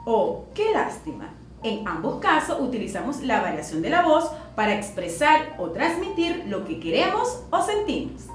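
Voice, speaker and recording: Woman teacher, fairly high voice, animated pitch, demonstrating tones, echoey room. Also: normal speed, few pauses. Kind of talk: clear explanatory teaching with demonstrated intonation.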